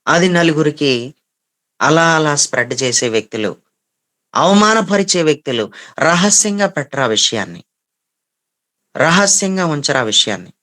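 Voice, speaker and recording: A man preaches a sermon in a voice that sits somewhat high. He speaks with passion and keeps asking rhetorical questions. He repeats his phrases over and over to drive each point home. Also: very animated, normal speed, pauses often, bright, forceful tone.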